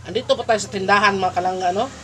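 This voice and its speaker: A woman's voice: mid-range voice, racing. Filipina woman chewing while talking, noisy recording. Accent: Filipino, Visayan. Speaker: vlog host. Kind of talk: casual mukbang vlog chat. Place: at a small store. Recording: noisy background.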